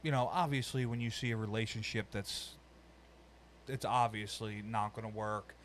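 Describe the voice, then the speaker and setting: A man's voice: on the low side, fairly even intonation, moderate pace, a bit bright, a little hiss or hum. A man chatting casually and swearing freely, with a slight whistle on his s sounds. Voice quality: whistles on s sounds when talking. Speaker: podcast participant. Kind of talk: casual conversational podcast chat.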